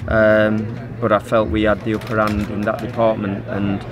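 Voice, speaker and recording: The interviewer holds up a phone to a middle-aged football manager on an outdoor pitch as he responds to post-match questions. He keeps things measured and level, relying often on fillers, with the crowd audible behind.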